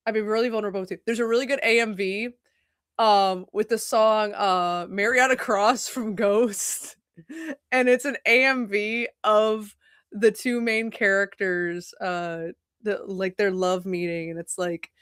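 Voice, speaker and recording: A young woman rambles to her stream audience from a home setup, cursing often and breaking off with little apologies. Her ordinary-pitched, slightly bright voice comes through a close microphone in a dry recording with no room sound.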